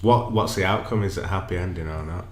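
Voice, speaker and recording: A young man from West Yorkshire with a low voice and the local accent, co-hosting a casual podcast. He keeps the talk moving with question after question. His voice rings in an echoey room over a faint background hiss. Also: fast. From West Yorkshire, England. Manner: chatty, asks lots of questions. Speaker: podcast co-host. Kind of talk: casual chat.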